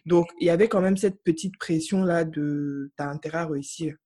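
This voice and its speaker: A woman's voice: sits low, brisk. A young woman from Africa chatting casually on a podcast, telling stories emphatically. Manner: emphatic, animated storytelling. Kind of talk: casual chat.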